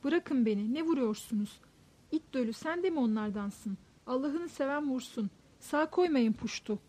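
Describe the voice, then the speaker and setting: A woman's voice: high-pitched, animated, normal speed, dark tone. A woman voicing the inner thoughts of an anxious, troubled man riding a bus, in a tense, questioning way. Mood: frantic.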